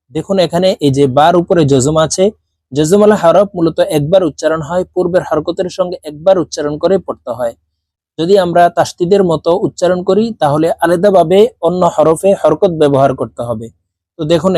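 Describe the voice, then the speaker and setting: A man with a warm, mellow voice gives a Quran recitation lesson. He explains each point, then drills the letters slowly and deliberately, one syllable at a time. The sound is dry and close, with no room echo. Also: fairly high pitch. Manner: slow, deliberate syllable-by-syllable spelling for the class to repeat. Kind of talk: spoken lesson with spelled-out drills.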